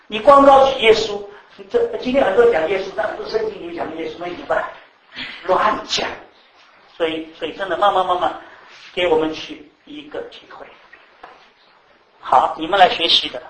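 Male preacher, high voice, lively and repetitive, quizzing the room; off-mic in an echoey hall. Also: normal speed, recorded from a distance. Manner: animated, repeats words, laughs, asks the audience questions. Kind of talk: sermon. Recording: echoey room, speaker off-mic, faint background noise.

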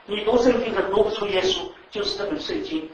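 A man preaching a sermon to a class, animated, repeating words, laughing and asking the audience questions. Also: high voice, fairly quick, far from the mic. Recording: echoey room, speaker off-mic, faint background noise.

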